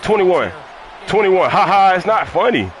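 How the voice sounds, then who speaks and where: A gaming streamer playing a football video game live heatedly mocks his opponent, repeating the same taunts again and again. His high voice swings widely in pitch at a normal speed.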